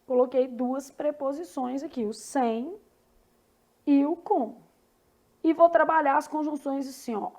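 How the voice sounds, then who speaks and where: A Brazilian woman with a high voice teaches grammar in an online prep class. She explains each point in a chatty way and keeps checking in with her listeners through quick tag questions. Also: a little mellow. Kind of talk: online exam-prep lesson.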